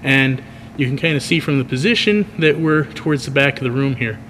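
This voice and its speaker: Holding a camera and talking straight into its built-in mic, a vlogger and video producer wanders through a vast, empty church auditorium at night in a loose, rambling tour. His mid-range voice is brisk and slightly bright, and his humor is dry and self-deprecating. The space sounds echoey, with distinct background noise.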